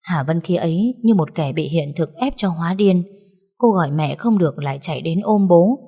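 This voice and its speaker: A woman narrating a dramatic story in a measured, somber way. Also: on the low side, animated, mellow, slightly rough. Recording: long reverb.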